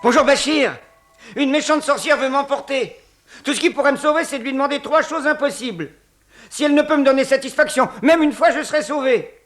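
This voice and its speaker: A man's voice: very high-pitched, fairly quick, a bit bright, faint music behind. A man voicing a nervous, fussy homeowner who stammers in a 1970s TV cartoon. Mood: frightened. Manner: fussy, stammering, sings to himself. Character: nervous, fretful man who bought a house.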